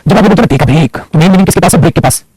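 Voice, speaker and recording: A man's voice: fairly high pitch, animated, very fast, a little mellow, slightly rough, no room sound, rough recording. A man teaching English grammar in Hindi, calling his students "beta" and asking and answering his own questions as he mixes in English example sentences. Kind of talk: online grammar lesson.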